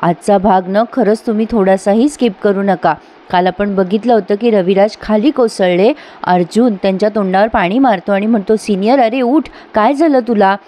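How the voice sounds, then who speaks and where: A woman narrating a TV serial recap in voice-over. Her delivery is expressive and exclamatory. Her voice sits at a middle pitch. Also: normal speed. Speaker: TV serial reviewer.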